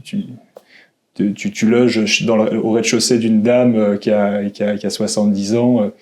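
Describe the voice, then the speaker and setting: A Canadian-born man in his thirties tells his life story as a podcast guest in an old château room, hesitating often with many fillers and restarts in casual conversation. His voice is fairly low and darkish, with little pitch movement, at normal speed.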